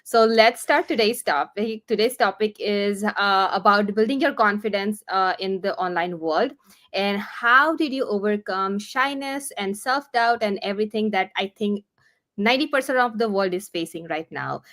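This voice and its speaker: A woman's voice: medium pitch, fairly bright tone. A woman hosting a casual live online interview, earnest and encouraging, often restarting her sentences. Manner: halting, with many restarts and fillers. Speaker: host.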